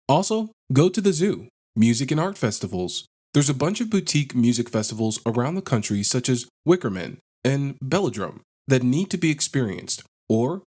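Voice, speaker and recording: Male narrator for read-aloud online stories, mid pitch, flat listing delivery. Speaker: narrator reading online posts. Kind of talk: scripted narration.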